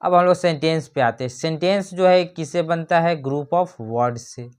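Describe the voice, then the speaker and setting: A teacher in an explanatory lesson who talks at a slow, unhurried pace. Definitions come out drawn-out and deliberate, then get broken down with rhetorical questions. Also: medium pitch, darkish tone, clear, resonant tone. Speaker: English grammar teacher.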